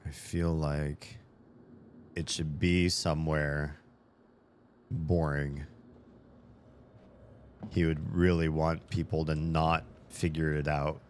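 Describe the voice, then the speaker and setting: A game streamer talks casually over his let's-play in an extremely low, flat voice, speaking slowly with frequent pauses. He rambles and thinks aloud, swearing and laughing as he plays, and his voice sounds slightly worn, as if he's starting to lose it. There's a little background noise.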